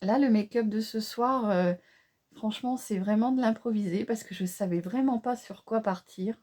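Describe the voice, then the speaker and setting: On the high side and at a moderate pace, a woman speaks straight to her viewers as a beauty vlogger doing a casual makeup tutorial. Her chat is hesitant and filled with fillers, punctuated by excited exclamations about the colors.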